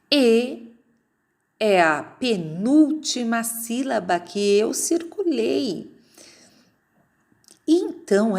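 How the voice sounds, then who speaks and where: A woman teacher, correcting classroom exercises in a slow, patient way and stretching words out as she dictates them. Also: medium pitch.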